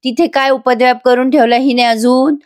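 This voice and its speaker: A woman's voice: high voice, steady tone, fairly quick, darkish tone, no room sound, close to an everyday voice. A woman voicing a middle-aged father who teases and questions in a dry, skeptical way. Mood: wry.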